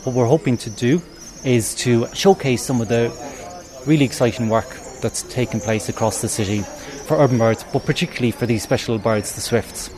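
A man's voice: mid-range voice, brisk, a little mellow. A man with an Irish accent, a conservation project manager, explaining things informally in an interview. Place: public atrium at an exhibition.

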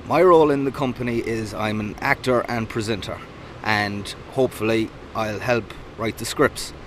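A man's voice: lowish voice, fairly even intonation, moderate pace. A man with a Mayo Irish accent giving short, plain answers in an interview. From County Mayo, Ireland. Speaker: actor and presenter. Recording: faint outdoor background noise.

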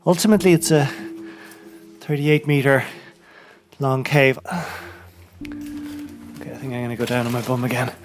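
Male presenter, mid-pitched, hushed and breathy, recorded underground with a handheld mic and a tight cave echo. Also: fairly even intonation, moderate pace, long pauses, faint music behind. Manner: breathy, murmured, sometimes whispering while crawling. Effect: close, boxed-in cave echo. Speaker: radio documentary presenter. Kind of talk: hushed first-person exploration narration. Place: inside a dark underground cave passage. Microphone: handheld microphone.

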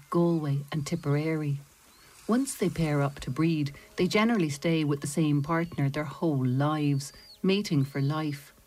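A woman reading scripted nature documentary narration in a measured, storytelling way with deliberate pauses. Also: low-pitched, darkish tone, poor audio.

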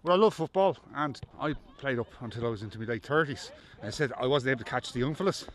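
A man's voice: mid-range voice, fast talker. A man in his fifties with an Irish accent, out of breath after playing football, talking enthusiastically outdoors. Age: 50s. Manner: enthusiastic, animated. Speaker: teacher and amateur player. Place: outdoor park.

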